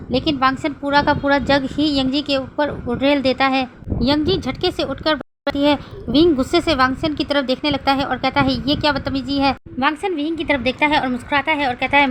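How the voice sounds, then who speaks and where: A woman reading fan fiction aloud as a storyteller, in a steady, even way. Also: high-pitched, a little fast, a little hiss or hum, low-quality recording.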